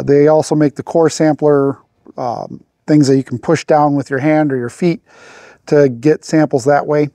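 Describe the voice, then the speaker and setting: A man's voice: a little high, mellow, no echo, studio quality. A man in his forties, host of a homesteading channel, casually explains a farm chore outdoors into a lapel mic, with easy fillers along the way. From Arkansas. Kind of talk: casual instructional vlog.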